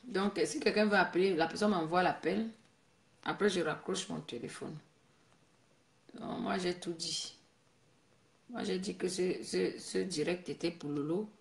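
Woman ranting on her facebook live, preachy, repeats herself a lot, echoey room. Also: on the low side. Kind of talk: casual live-stream monologue.

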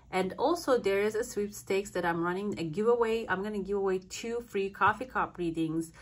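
A woman speaking as a fortune teller, giving a coffee cup reading to viewers in searching, interpretive phrasing. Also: medium pitch. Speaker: fortune teller, channel host.

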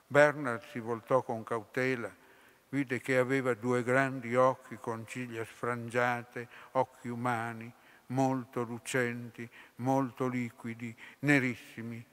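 A man lecturing on literature, reading a story aloud with measured, deliberate phrasing. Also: mid-range voice, level tone, fairly bright tone. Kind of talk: slow dramatic reading aloud. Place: lecture hall. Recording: long hall reverb.

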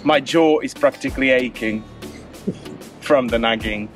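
A man chatting casually as a sailboat's first mate, teasing and joking with playful, drawn-out delivery. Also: medium pitch, faint music behind. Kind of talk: casual vlog chat.

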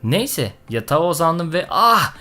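A man's voice: mid-range voice, a little fast. A man narrating a tense first-person story in a dramatic, scripted style.

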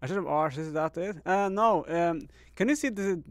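A young man chats loosely through a live gaming stream, laughing and tossing out "bro" and "man" between plays. His voice has a gravelly fry, and the sound is dry and close with no room around it. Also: sits high, moderate pace, dry recording. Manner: laid-back, laughs often, says "bro" and "man" a lot.

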